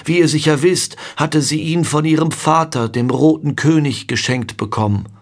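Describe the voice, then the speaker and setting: A man's voice: fairly high pitch, normal speed, voice pushed up, natural voice. A man voicing an eager ten-year-old boy. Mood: grave.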